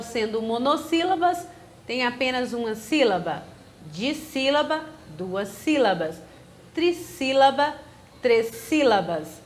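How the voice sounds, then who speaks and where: A woman's voice: a little high, a bit bright, a little hiss or hum. A woman with a Brazilian Portuguese accent teaching a grammar lesson, asking questions and answering them herself, spelling words out syllable by syllable.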